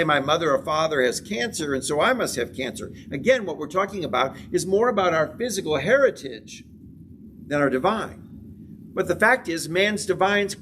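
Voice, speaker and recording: A man teaching a spiritual class, speaking in slow, measured phrases and repeating affirmations. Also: fairly high pitch, a bit bright, far from the mic, slight background noise.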